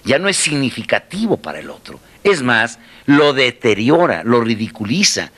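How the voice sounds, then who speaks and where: A man's voice: medium pitch, sing-song, fairly bright tone. A man giving a motivational talk, asking rhetorical questions and repeating key words for emphasis. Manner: rhetorical questions, dramatic pauses, repetition. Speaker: motivational speaker. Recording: faint music behind.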